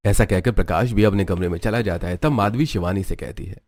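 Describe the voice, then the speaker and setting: A man narrating a cartoon story in a steady, even storytelling manner. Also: low-pitched, fairly quick.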